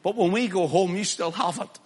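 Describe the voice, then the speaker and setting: A male preacher, delivering a sermon, swinging from loud emphatic declaiming to quiet pleading. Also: high-pitched, fairly quick, slightly rough.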